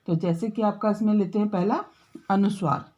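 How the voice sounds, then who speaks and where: A woman teaching a school grammar lesson, explaining step by step, checking in often with her pupils and drawing out example words slowly. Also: medium pitch, steady tone, warm tone. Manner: drawn-out, slowed example words.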